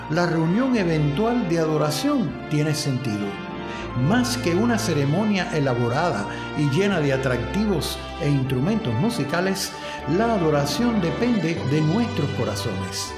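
Pastor, lively roomy sermon. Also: male voice, on the high side. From Cuba. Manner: measured, reflective storytelling. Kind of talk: radio devotional sermon.

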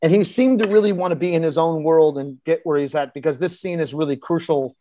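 A man's voice: fairly high pitch, brisk, warm tone, no room sound. A man, an actor guest on a podcast, telling a vivid behind-the-scenes anecdote in a casual, blunt way and acting out the dialogue he quotes. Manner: vivid anecdote-teller who acts out quoted dialogue in shifting voices; casual and blunt, with occasional swearing. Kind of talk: storytelling in a podcast interview.

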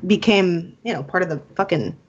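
A woman in casual podcast chat about a film, animated and laughing, acting out quotes with casual swearing. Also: on the low side, normal speed, slightly rough. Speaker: podcast co-host. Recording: muffled lo-fi sound.

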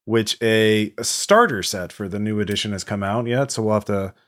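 A man's voice: fairly low pitch, moderate pace, a bit bright. A man hosting a tabletop game podcast in casual chat, hesitant with many fillers as he wraps up the episode. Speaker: podcast host.

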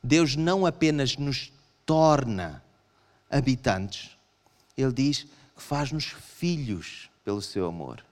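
Animated Portuguese preacher in reverberant hall. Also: male voice, slow pace. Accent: European Portuguese. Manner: animated, acts out voices of the congregation in raised pitch. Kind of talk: sermon.

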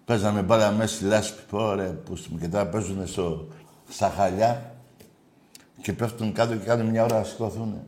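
A man hosting a call-in radio show, blunt and crude, going from low grumbling to loud mocking rants. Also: fairly even intonation.

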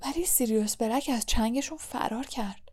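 A woman reading as a quiet, troubled teenage boy. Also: fairly high pitch, natural voice. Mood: subdued. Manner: quiet, subdued speech. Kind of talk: audiobook reading.

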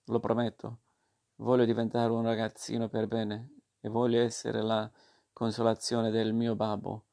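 An eager, naughty puppet boy pleading and promising, read by a man in a gravelly, flat-toned storybook voice. Both the boasts and the promises come out in the same level, creaky tone. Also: lowish voice, a little slow.

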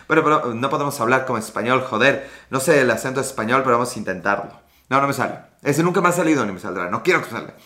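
Reading out viewer comments on his casual livestream, this late-thirties Mexican host jokes, scatters his thoughts, and curses frequently. He has a fairly high pitch and a fairly bright tone.

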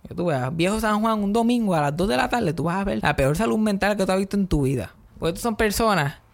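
A man with a Puerto Rican accent telling funny stories in casual podcast chat. He is animated and jokes a lot. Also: sits high, fast talker, vocal fry. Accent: Puerto Rican Spanish. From Puerto Rico. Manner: animated, joking, acts out quotes.

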